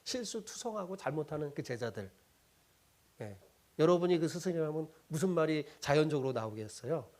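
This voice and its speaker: Animated high-voiced pastor preaching. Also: male voice, brisk. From South Korea. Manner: animated preaching with rhetorical questions and acted quotes. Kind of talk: sermon.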